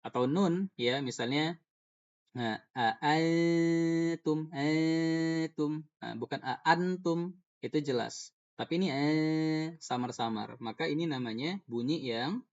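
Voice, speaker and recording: Man teaching recitation, slow and deliberate, repeats sounds to demonstrate, slightly dull video-call audio. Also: mid-range voice. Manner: explains patiently, often demonstrates sounds by repeating them. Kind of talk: online recitation lesson.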